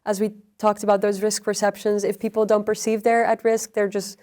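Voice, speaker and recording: A young adult woman, a PhD researcher, explaining in measured interview answers with frequent ums and uhs. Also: medium pitch, a little hiss or hum. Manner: measured, even, with frequent fillers. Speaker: PhD researcher on extreme heat.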